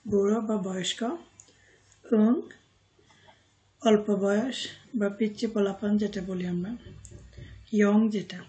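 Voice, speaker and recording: A woman teaching a vocabulary lesson, saying each word slowly and then its meaning, with fillers and self-corrections now and then. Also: medium pitch, dark tone. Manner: pauses with fillers and corrects herself. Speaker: language teacher.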